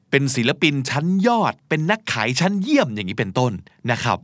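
Lively man patiently teaching spelling. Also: medium pitch, no room sound. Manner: polite, spells words out letter by letter, explains patiently. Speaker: host teaching English spelling. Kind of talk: casual spoken lesson.

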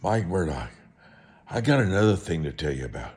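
Preaching a motivational sermon, an American man tells stories in a deliberate, emphatic way, repeating short phrases. His low voice has a sing-song quality and is a little mellow.

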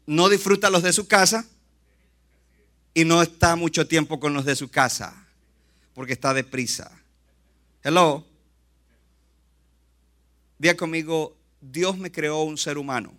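A male pastor preaching a lively sermon, often acting out short asides and quotes. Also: on the high side. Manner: animated preaching, acts out quick asides.

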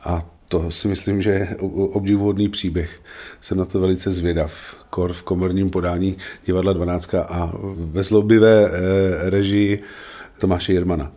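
A man's voice: low-pitched, little pitch movement, dark tone. A man answering interview questions in a thoughtful way, with some hesitations.

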